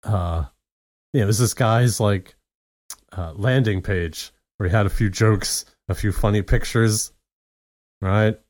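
A man's voice: fairly low pitch, a little slow, pauses often, darkish tone. A man co-hosting a podcast in casual chat, playful and rambling, often laughing. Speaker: podcast co-host.

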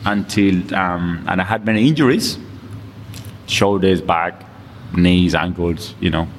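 This deep-voiced Colombian man talks a little slowly, his English carrying a Colombian Spanish accent. He's a fitness coach appearing as a guest in a relaxed interview at a gym, laughing frequently as he chats. Long reverb and faint background noise color the audio.

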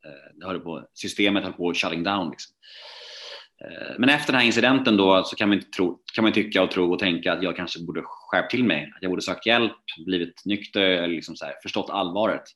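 Man, low voice, rambling storyteller, lots of restarts and fillers. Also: a bit bright. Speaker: guest telling his recovery story. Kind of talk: casual spoken storytelling.

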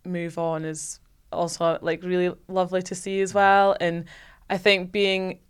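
A woman's voice: fairly low pitch, little pitch movement, unhurried, smooth. A young woman in her twenties, a rugby development officer, talking eagerly with lots of 'like' and 'you know'. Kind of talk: casual chat.

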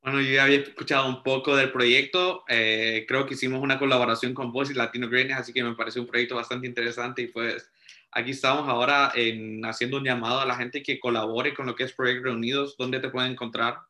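A man's voice: mid-range voice, flat delivery, fast talker, sharp tone. A man hosting an interview show, introducing his guest and asking open questions in a conversational way. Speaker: podcast host.

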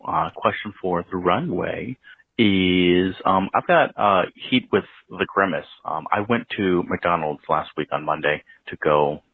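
A man's voice: low voice, unhurried, vocal fry, slightly rough, dry recording. A man leaving a voicemail for a show, rambling with many ums and uhs. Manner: rambling, lots of um and uh fillers. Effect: leaving a voicemail over the phone. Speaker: caller. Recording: tinny phone line voicemail.

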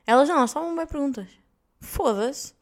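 A young woman with a European Portuguese accent, telling a story as a podcast host in rapid, bouncing speech that swoops up and down. Her voice sits a little high, and she laughs a lot, swears freely and talks in slang. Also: lively intonation. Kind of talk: casual storytelling.

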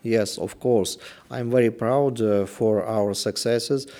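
A man with a Russian accent answering interview questions in halting English, pausing often to search for words. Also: fairly low pitch, steady tone, mellow. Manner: hesitant, searching for words in simple phrasing. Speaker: sports federation official being interviewed.

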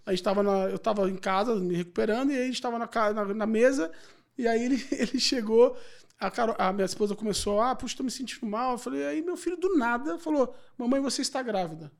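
A man's voice: very high-pitched, fast talker, gravelly. A man in his forties from Brazil, talking reflectively as a podcast guest and often repeating filler words. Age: 40s. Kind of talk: casual interview chat.

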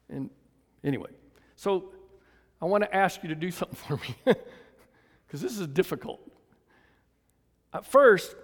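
A high-pitched older man in his seventies delivers a sermon in a church, with folksy humor and little chuckles. He keeps calling on the congregation to answer back. His voice rings out with a long reverb through the sanctuary. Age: 70s. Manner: folksy, chuckling asides, calls for congregation response. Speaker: pastor.

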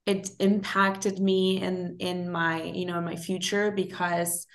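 A woman in her twenties, by birth, tells her story in relaxed conversation. She laughs easily and often restarts her sentences, filling gaps with small hesitations. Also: on the low side, slow. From Germany (Berlin). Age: 20s. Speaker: guest, interior designer. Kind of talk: casual interview conversation.

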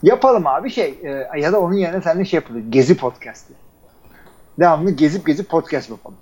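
A man's voice: on the high side, lively intonation, a little fast, darkish tone. A man co-hosting a podcast in a casual, rambling chat full of fillers, heard over a phone line. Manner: loose, rambling talk with many fillers. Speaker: podcast co-host.

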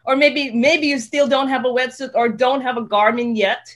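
A woman hosting a casual interview, chatty and quick to laugh, often restarting her words. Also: high-pitched, steady tone. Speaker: podcast host.

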